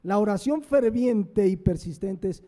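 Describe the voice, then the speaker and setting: A pastor preaching in a high, mellow voice. He fires questions at his listeners and answers them himself, leaning hard on single words. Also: lively intonation, unhurried. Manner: emphatic, stresses words one by one. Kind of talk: sermon.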